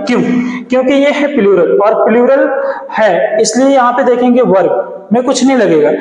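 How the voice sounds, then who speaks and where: High-voiced man teaching in an echoey room. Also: animated, moderate pace, a little mellow. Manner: asks questions and answers them himself. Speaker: English teacher. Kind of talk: classroom grammar lesson. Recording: roomy echo with long reverb.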